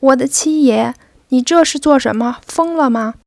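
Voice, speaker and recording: A woman's voice: sits high, normal speed, creaky, dry recording, clean studio sound. A woman voicing a sly, joking male servant who banters with his young master, in a storybook reading. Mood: bantering. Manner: cheeky, bantering.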